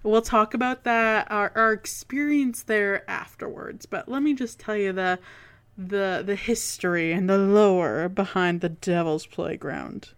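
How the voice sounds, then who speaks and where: Clear-voiced Canadian woman telling local ghost lore. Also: mid-range voice, a little slow. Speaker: podcast co-host.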